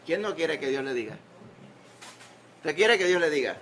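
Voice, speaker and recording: The background is noisy as a male pastor with a Puerto Rican accent preaches in a church sanctuary. He sounds a little high and expressive at a moderate pace, using humor and rhetorical questions in a conversational sermon.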